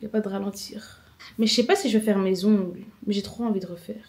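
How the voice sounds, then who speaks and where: A woman's voice: mid-range voice, fairly even intonation, fast, creaky, a little mellow. A young woman, chatting to a small camera in a rambling, self-mocking vlog. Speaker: vlogger. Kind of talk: casual vlog chat to camera. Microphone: small handheld camera.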